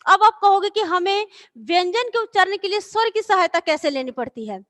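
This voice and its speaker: A woman's voice: very high-pitched, lively intonation, fairly bright tone. A woman teacher patiently reciting letters and explaining to children in an online class. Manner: slow, patient, drawn-out recitation.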